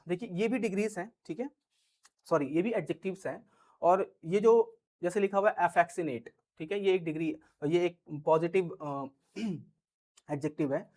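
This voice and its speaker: A man teaching grammar in Hindi, reading the examples slowly and often checking that viewers follow. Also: sits high. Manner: explains patiently, repeats "ठीक है" and "समझ रहे हो?", reads English examples slowly. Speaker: English teacher. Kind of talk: Hindi-English grammar lesson.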